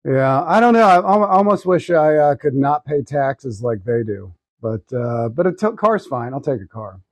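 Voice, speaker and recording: A man talking casually as a talk show host, with a halting, sardonic manner. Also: a little high, expressive, dry recording. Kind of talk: casual chat.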